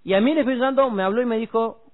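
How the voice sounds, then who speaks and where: On a radio show, a man talks about faith in a casual devotional chat, preaching emphatically and drawing on homely examples. His voice is very high-pitched and very fast, and the audio sounds tinny, like a phone line.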